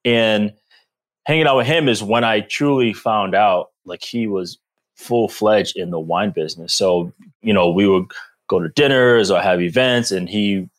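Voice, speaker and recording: A man's voice: fairly low pitch, measured pace. A man in his thirties from the East Coast of the US, a guest telling stories in a casual chat and laughing often. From Rhode Island, US East Coast. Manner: animated storyteller who laughs often. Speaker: guest, former pro football player.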